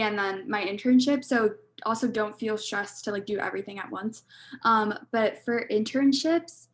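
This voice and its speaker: A young woman speaks in a fairly high voice, chatty and loose. She fills her sentences with casual fillers as she shares advice with prospective students over a video call. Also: a bit bright. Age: young adult. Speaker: student panelist. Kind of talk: casual panel talk.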